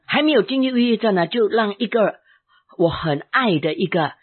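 A woman's voice: mid-range voice, expressive, moderate pace, husky. A woman, a former pastor, giving an emotional church testimony, asking herself questions and answering them. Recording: tinny phone-like sound.

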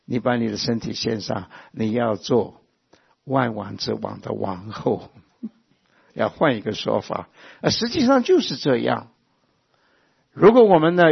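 A man preaching a sermon with passion, rising to loud exhortations and dropping to soft, quiet asides. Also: medium pitch, vocal fry, breathy edge. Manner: impassioned, swings between loud exhortation and soft intimate asides. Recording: muffled lo-fi sound.

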